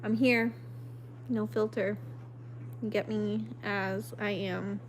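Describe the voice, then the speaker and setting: A woman in her thirties chats on a late-night live stream from home, talking close into her phone's mic. She rambles, apologizes often and fills pauses with "um" as she reads out viewer comments. Her pitch sits in a middle range, with a faint hiss of noise behind her. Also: flat delivery. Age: 30s. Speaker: livestream host. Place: at home at night, lit by a flashlight. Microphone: phone camera held close.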